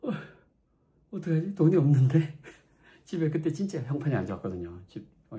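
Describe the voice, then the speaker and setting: 남성 치과의사 유튜버, 경상도 억양, 편안한 말투, 부드러운 목소리. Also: male voice, on the low side, mellow. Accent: Gyeongsang. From Daegu, South Korea. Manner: chatty, self-mocking, acts out quoted lines. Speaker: dentist, channel host. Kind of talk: storytelling vlog.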